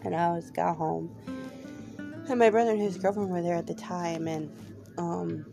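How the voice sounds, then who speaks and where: Music plays in the background as a woman hosts her podcast, giving a candid personal monologue full of hesitant ums. Her lowish voice is steady, gravelly, and moderately paced, a bit off because of a cold.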